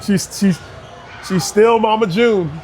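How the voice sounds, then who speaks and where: Speaking slowly in a high voice, a youth basketball coach from Barbados, aged in his thirties, gives an earnest, casual interview. He often restarts what he's saying, and a slight hiss or hum sits under the recording.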